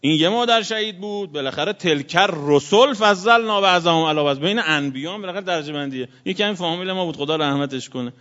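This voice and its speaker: A male cleric giving a sermon, telling religious stories and swinging between loud exclamations and hushed asides. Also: high voice, hardly any pauses, highs cut off. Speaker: cleric preacher.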